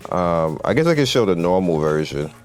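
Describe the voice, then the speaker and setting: Over game music, a man hosting a gaming channel offers blunt, opinionated, off-the-cuff commentary on the gameplay. His low voice swings widely in pitch, and he speaks at a moderate pace.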